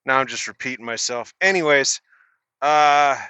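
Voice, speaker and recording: Laid-back bright-voiced trucker. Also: male voice, medium pitch, moderate pace, clean tone, no room sound. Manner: laid-back, profane, rambling with restarts. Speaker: truck driver vlogger. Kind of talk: casual storytelling to camera.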